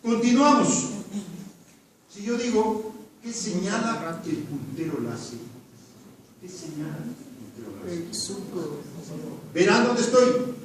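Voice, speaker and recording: A man's voice: high-pitched, expressive, takes it slowly, long pauses. A man teaching an embryology lab, quizzing students by repeating the same question again and again. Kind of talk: classroom lecture with questioning. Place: large echoey lab classroom. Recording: echoey classroom from far off, background noise.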